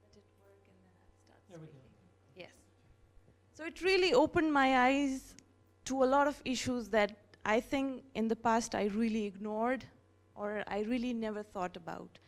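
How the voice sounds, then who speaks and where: A woman's voice: on the high side, normal speed, long pauses. A woman from northern Pakistan giving an earnest presentation with frequent fillers. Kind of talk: conference presentation.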